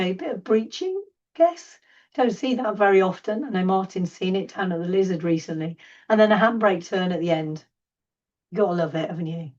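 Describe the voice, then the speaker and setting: A woman's voice: mid-range voice, mellow. Chatty woman lecturing on a dull distant mic. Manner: chatty, enthusiastic commentary over wildlife clips. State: sore throat. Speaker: seal researcher giving an online talk. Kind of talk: informal narrated video lecture.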